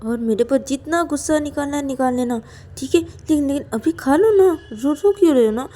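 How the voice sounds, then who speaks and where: Woman playing a young lover in a storybook romance, high, begging, repeats herself. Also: a little fast, dark tone, close to an everyday voice. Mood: coaxing. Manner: begging, repeats words over and over. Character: young woman pleading with her lover to eat.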